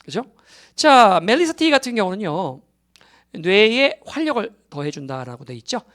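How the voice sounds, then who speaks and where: Lively man teaching exam English. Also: high-pitched, moderate pace. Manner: explains step by step, often checks in with the class; mixes English terms into Korean explanations. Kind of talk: recorded exam-prep lecture.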